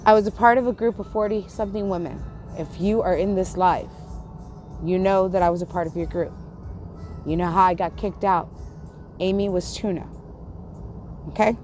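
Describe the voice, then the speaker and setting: This YouTuber from Texas, a woman with a stutter and a lisp, confronts her livestream chat in a heated, swearing rant, restarting and repeating her sentences. Her medium-pitched voice is fairly even and darkish, at normal speed with long pauses, and faint music plays behind her.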